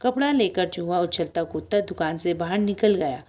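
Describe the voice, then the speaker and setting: A young woman teaching primary children, reading a story aloud in a measured, patient way. She repeats each line in simpler words and asks the class questions as she goes. Her voice sits slightly low. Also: lively intonation, darkish tone. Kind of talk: storybook lesson reading with explanations.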